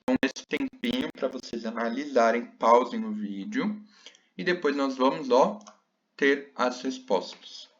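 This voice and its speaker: A man teaching a slide lesson, talking slowly with many fillers and checking questions. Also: mid-range voice, muffled recording. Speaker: Spanish teacher.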